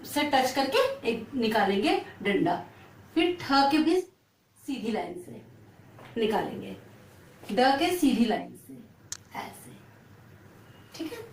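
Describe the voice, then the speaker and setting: A woman teaches young children, spelling out letters in a slow, sing-song way. Her voice is high and lively, and she keeps asking patient questions. She sounds distant from the mic in a roomy, echoing space. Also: slight background noise. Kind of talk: children's language lesson. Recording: echoey room, mic at a distance.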